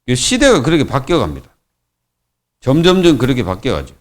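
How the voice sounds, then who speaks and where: A man's voice: medium pitch, wildly swooping pitch, a little fast. A man preaching a Friday sermon as pastor, in a colloquial, repetitive way with many fillers. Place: church.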